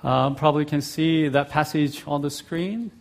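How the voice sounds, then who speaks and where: Preaching as a guest pastor, this middle-aged South Korean man, a native Korean speaker, has an accent blending Korean, Australian and American. His slightly high, gravelly voice carries a friendly, halting sermon packed with fillers.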